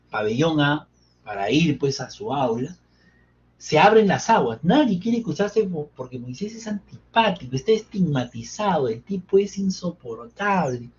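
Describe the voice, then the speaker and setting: A man's voice: fairly high pitch, darkish tone. A man teaching a live online psychotherapy class, engaging his students by asking them question after question. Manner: engaging, keeps quizzing students. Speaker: psychotherapy lecturer. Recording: dull lo-fi sound with faint background noise.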